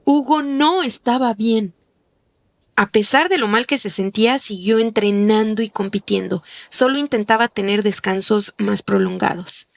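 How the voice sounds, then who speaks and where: A woman hosting a podcast, reading a scripted documentary narration in a measured, explanatory way. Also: a little high, dry recording. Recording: faint music behind the voice.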